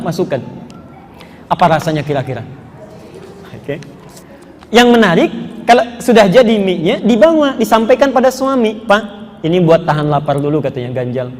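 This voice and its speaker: A man's voice: high voice, very animated, normal speed, long pauses, a little mellow, in a large hall. A man giving an Islamic sermon to a live audience, telling a family story with acted quotes and putting questions to his listeners. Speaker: Islamic preacher.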